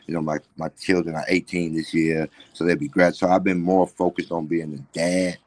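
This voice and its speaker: A middle-aged man with a low voice and the soft slur of missing front teeth. He chats candidly, telling personal stories in a casual, conversational way. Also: level tone, moderate pace, dry recording. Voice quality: toothless, slightly slurred speech from missing front teeth. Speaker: call-in guest on a livestream.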